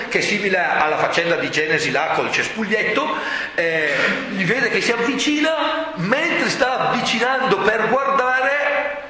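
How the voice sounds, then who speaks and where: A man preaching an animated, rhetorical sermon, often shouting for emphasis. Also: high voice. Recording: echoey hall, faint ambience.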